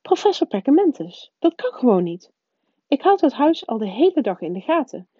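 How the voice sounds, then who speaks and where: A woman reading aloud voices a stern older female professor who talks in a high, urgent, faltering way. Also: very animated, moderate pace, no echo. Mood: indignant. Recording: dull, dry lo-fi recording.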